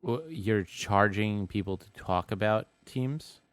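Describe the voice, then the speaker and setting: A man's voice: fairly low pitch, expressive, slow, dry recording. A man co-hosting a podcast, chatting casually about basketball and playing the dry straight man. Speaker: podcast co-host. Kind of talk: casual sports chat.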